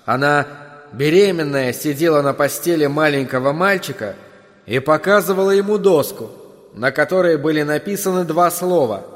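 A man reading a fantasy story aloud in a measured, even storyteller's voice. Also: a little high, no room sound, clean studio sound. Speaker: audiobook narrator. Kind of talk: scripted storybook narration.

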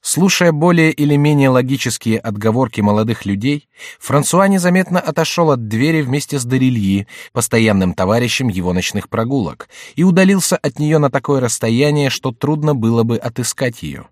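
A man narrating an adventure novel in a measured, dramatic reading. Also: medium pitch, animated, no echo, clean studio sound. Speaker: audiobook narrator. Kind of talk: scripted narration.

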